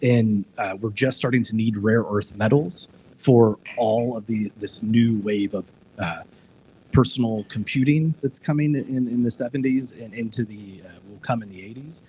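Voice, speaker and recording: A man's voice: medium pitch, moderate pace, warm tone, poor audio. Guy rambling through an old tv episode at a live talk night, lots of um and uh, restarts, faint room hum behind. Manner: rambling, with frequent restarts and filler words. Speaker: discussion panelist. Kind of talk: casual live discussion, retelling a TV episode. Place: live public discussion event, indoors.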